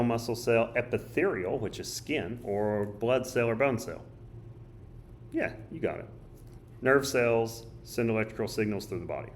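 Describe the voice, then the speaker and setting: A male teacher with a hoarse, choked-up voice, casually thinking aloud as he walks through a study guide. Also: medium pitch, slight background noise. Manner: casual, thinks aloud while drawing and writing. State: hoarse, coughing. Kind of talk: recorded study guide walkthrough.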